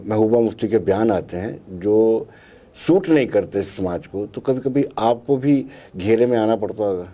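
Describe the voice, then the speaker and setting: A man's voice: lowish voice, lively intonation, moderate pace, warm tone. A man interviewing a politician, asking pointed, challenging questions.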